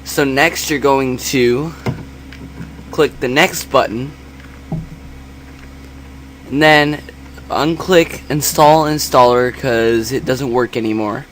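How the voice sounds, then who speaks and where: A man giving a casual software tutorial in a quiet, understated voice, kept a little back from the microphone. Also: medium pitch, slow, long pauses. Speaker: tutorial host. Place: indoors at a computer. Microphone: separate microphone, not held close. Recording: noisy room hum, quiet separate mic.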